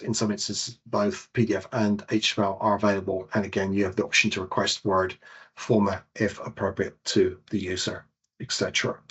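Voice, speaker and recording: A British database trainer leads a software demonstration webinar, explaining each step as he clicks through the screens and occasionally correcting himself. His voice is fairly low with a breathy edge. The audio is dull lo-fi webinar sound.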